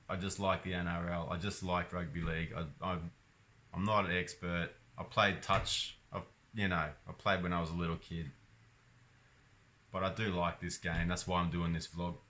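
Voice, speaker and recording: A young Australian man runs his own sports vlog, talking casually about rugby league in a deep, sharp-toned voice. He rambles and hesitates, with lots of ums and restarts.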